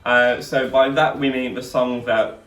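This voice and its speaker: A man's voice: medium pitch, steady tone, measured pace. A man chatting casually as he leads a panel review. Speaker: drag queen reviewer leading the panel. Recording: echoey room, distant mic, music behind.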